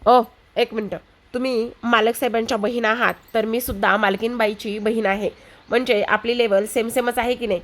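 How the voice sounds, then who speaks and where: A woman's voice: on the high side, steady tone, normal speed, natural voice. A woman voicing a bold, cheeky young village girl who teases and talks nonstop. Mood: sassy. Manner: chatty, teasing, rambling nonstop.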